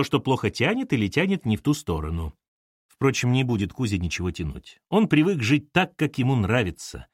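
A man's voice: mid-range voice, no room sound, clean studio sound. A man reading an audiobook aloud, narrating expressively and acting out the dialogue. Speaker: audiobook reader.

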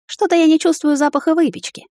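A woman voicing a proud young witch heroine who is cool and mocking but quick to flare up. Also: high-pitched, steady tone, dark tone, dry recording, studio quality, pitched above the performer's own voice.

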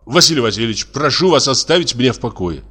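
A man's voice: medium pitch, lively intonation, fast talker, pushed and bright, breathy edge. A man reading a play aloud, voicing an idealistic young baron who speaks earnestly.

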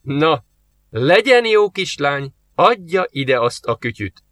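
A man reading aloud, voicing a suave, mocking male demon who talks slowly and teasingly. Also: on the high side, very animated, fairly bright tone, no echo. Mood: smug. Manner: smug, slow and teasing.

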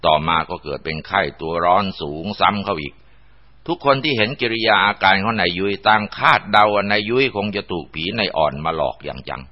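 A man's voice: deep voice, expressive, brisk. A man narrating a ghost story in a dramatic, vivid storytelling manner. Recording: dull lo-fi recording.

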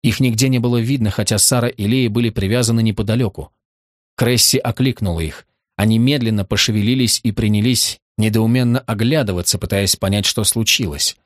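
A man narrating an audiobook in a steady, measured reading. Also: fairly low pitch, no echo, clean studio sound.

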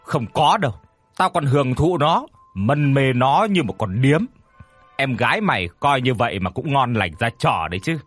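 A sadistic old landlord from a spoken horror story, sneering and contemptuous, as a male narrator puts him on. His pitch swings widely as he mocks, and the voice is slightly husky and close, with no room sound. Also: sing-song, normal speed, a bit bright, no room sound, soft background music.

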